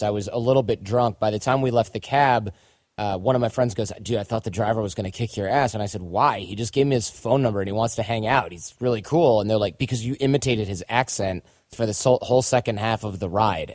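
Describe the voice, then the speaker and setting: A man's voice: on the low side, a little mellow, dry recording, clean studio sound. Chatty man hosting a podcast. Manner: casual, chatty, joking asides. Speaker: podcast host. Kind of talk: podcast interview.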